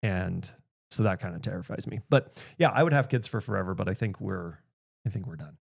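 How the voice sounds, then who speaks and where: A man's voice: deep voice, animated, fairly quick, creaky, dry recording, clean studio sound. A man in his thirties, a podcast host talking candidly in casual conversation and laughing often.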